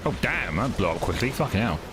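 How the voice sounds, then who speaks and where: Casting: male game streamer, lowish voice, lively intonation, informal live chat over game music. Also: fast talker, noisy background. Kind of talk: casual live gameplay chat.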